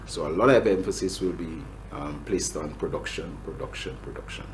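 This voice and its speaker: A Grenadian man speaks as a government agriculture official in an interview. His voice sits very low, and he often stops, restarts and fills gaps with "um". A faint hum runs underneath. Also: normal speed, poor audio. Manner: hesitant, many restarts and fillers. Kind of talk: interview answers.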